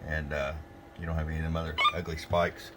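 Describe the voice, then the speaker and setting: Speaking fast in a bass voice with little pitch movement, a radio shop technician and presenter runs an informal, hands-on product demo at a workbench indoors. He's plain-spoken and folksy, working off the cuff, and there's background noise.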